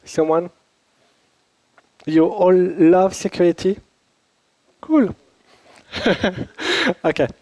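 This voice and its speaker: Still shaking off a cold, a Swiss-based man with a French accent guides a conference workshop conversationally, putting questions to those present. His voice sits high and is a little mellow; he draws out words and pauses often. The handheld or lapel mic recording is dry.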